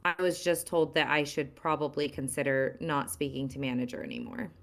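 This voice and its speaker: A woman's voice: low voice, fairly even intonation, a little fast. A woman in a live game roleplay, voicing a flustered, apologetic witness who talks with hesitant fillers. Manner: hesitant, apologetic, says she sounds sarcastic.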